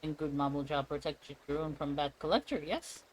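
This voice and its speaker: A man putting on a scheming little goblin trader who talks in broken wheedling phrases. The voice sits high and coaxing. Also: brisk, a little hiss or hum, natural voice, low-quality recording. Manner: wheedling, third-person broken speech.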